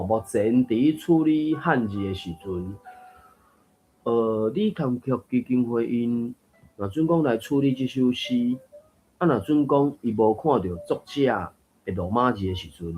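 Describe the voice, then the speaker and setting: A man with a Taiwanese accent hosting a casual reading group talk, musing and thoughtful, with faint music behind. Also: medium pitch. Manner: thoughtful, musing, with fillers and laughs. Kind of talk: casual discussion of Taiwanese texts.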